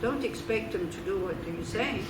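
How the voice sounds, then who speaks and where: At medium pitch and a moderate pace, a Swiss Buddhist nun gives a relaxed teaching talk full of laughing asides and rhetorical questions. The mic is distant, so the sound is roomy with noise in the background.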